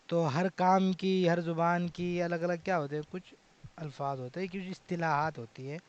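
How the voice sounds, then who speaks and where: A man's voice: on the high side, fairly even intonation. A man teaching basic Arabic grammar terms in an online class, often asking his students questions. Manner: drills with repeated questions to students. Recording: dull lo-fi call audio.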